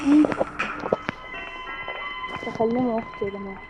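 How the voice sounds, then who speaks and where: A young woman with an Egyptian accent giving lively horror game commentary, talking to the game and her viewers. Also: a little high, normal speed, rough recording. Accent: Egyptian Arabic. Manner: excitable, talks to the game and to viewers. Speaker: gaming YouTuber. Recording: music playing behind the voice.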